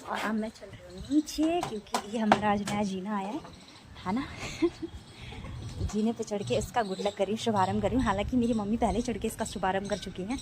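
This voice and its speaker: A woman's voice: mid-range voice, normal speed, very noisy. A woman vlogging casually from a rooftop, chatting and repeating herself, recorded on a phone with no microphone. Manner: chatty, repeats phrases, frequent tag questions. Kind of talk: casual vlog chat. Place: rooftop outdoors, wind and rain. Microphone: phone camera, no external mic.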